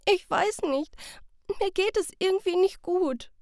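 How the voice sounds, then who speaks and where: Eine Frau spricht ein ängstliches, neugieriges Kind. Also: female voice, a little slow, no room sound, clean studio sound. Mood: distressed. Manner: high, plaintive, questioning. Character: anxious, curious young child.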